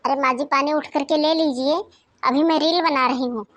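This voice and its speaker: A woman's voice: high-pitched, steady tone, moderate pace, a bit bright, dull audio. A woman voicing a lazy, defiant young daughter-in-law in a cartoon, with offhand, cheeky replies. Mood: dismissive. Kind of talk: cartoon voice acting.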